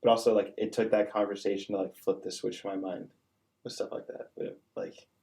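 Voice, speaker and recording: Young college guy on a podcast, flat gravelly voice, kinda low. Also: fairly quick. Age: young adult. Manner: earnest, filler-heavy. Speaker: student-athlete. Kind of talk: casual podcast chat.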